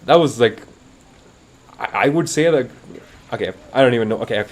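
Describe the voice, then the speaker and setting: An esports commentator from India calls a fighting game live with excitable energy, swinging between hype and quiet asides. His medium-pitched voice moves briskly and is getting raspy.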